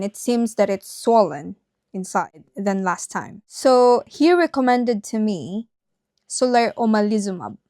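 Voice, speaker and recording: A woman with a slightly high voice narrates a personal vlog, speaking straight to her viewers. The sound is very dry, with no room echo. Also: a little mellow. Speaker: vlogger.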